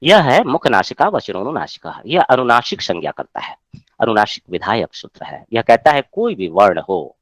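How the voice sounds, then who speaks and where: A male teacher holds a Sanskrit class over a video call, his pitch rising and falling animatedly as he explains. He keeps pausing to ask whether everyone has understood. The sound is close and dry. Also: very animated, dry recording. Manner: explains patiently, checks with students often. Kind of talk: online class lecture.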